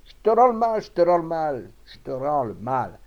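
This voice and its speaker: A man voicing a gruff, bullying older peasant farmer and mayor who talks in rustic country speech and barks orders. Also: fairly high pitch, sing-song, takes it slowly, a little mellow, highs cut off, pitched above the performer's own voice, exaggerated voice. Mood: furious.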